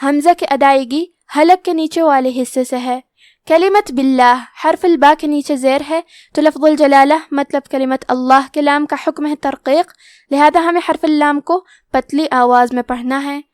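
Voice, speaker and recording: A woman teaching Quran recitation rules in a calm, methodical way, then chanting the verses slowly and drawn out. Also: high-pitched, no room sound, clean studio sound.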